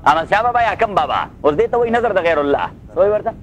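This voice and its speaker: High-voiced man teaching Quran commentary. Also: very animated, dull audio, a little hiss or hum. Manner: recites Arabic slowly, then explains and checks with listeners; mixes in English phrases. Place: class in Los Angeles.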